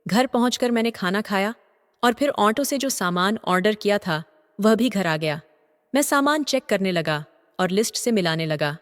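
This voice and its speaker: Give me an older man narrating a story at an even, steady pace, with a long reverberant tail. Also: sits high.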